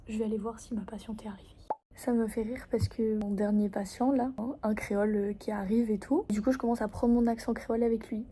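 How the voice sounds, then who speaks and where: A young woman from Réunion talks casually to her vlog audience about her workday as an osteopath. Her voice sits a little high, she fills her talk with fillers, and at times she drops into a soft whisper. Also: slight background noise. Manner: chatty, quick, lots of fillers, shifting between soft whispers and louder talk. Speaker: osteopath vlogger.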